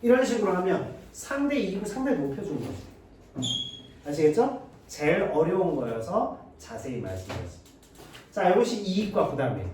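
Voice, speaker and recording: A male teacher gives an exam-prep lecture in a lively, up-and-down voice. He slips into short acted dialogues to make his points. The sound is roomy and set back from the mic, with a faint hiss underneath. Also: high voice, a little fast. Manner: lively, acts out student dialogues. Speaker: Korean literature teacher. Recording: echoey room, mic at a distance, faint hiss.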